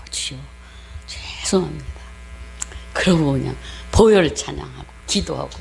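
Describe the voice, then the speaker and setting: With a fairly low voice, a woman missionary tells a personal story as part of her sermon. Her delivery is lively, she voices the people she quotes, and she keeps clearing her throat.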